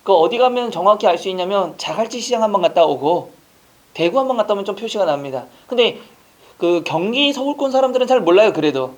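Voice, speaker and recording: This is an online exam-prep lecture where a man keeps testing listeners with fast rhetorical questions, lightened by offhand humor. He sounds high-pitched and animated.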